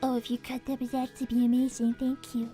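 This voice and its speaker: A woman's voice: a little high, flat delivery, quick pace, mellow, soft background music, natural voice. A woman voicing a polite, timid little cartoon rabbit girl, hesitant and earnest in an improvised livestream. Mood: politely pointed.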